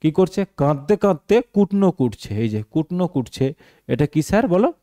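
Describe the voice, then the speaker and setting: Male teacher, mellow and slightly high voice, quizzing students as he goes. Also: animated, brisk. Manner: explains step by step, asks the class questions and answers them himself. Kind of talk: translation lesson for exam students.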